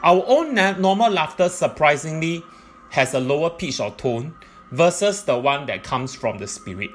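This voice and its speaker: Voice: mid-range voice, expressive, normal speed, faint music behind. A presenter giving explanatory religious teaching in a methodical, point-by-point way.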